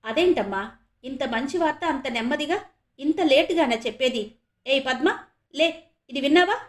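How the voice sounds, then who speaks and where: A woman voicing a kind, wealthy middle-aged adoptive father who talks eagerly and warmly in a read-aloud audio novel. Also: very high-pitched, moderate pace, echoey room. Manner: eager, warm, generous.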